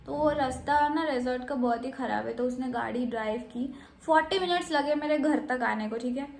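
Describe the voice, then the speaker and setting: A woman's voice: high-pitched, roomy sound. A young woman vlogger telling a personal story in casual chat, mixing English words into her speech and acting out quoted lines in changed voices.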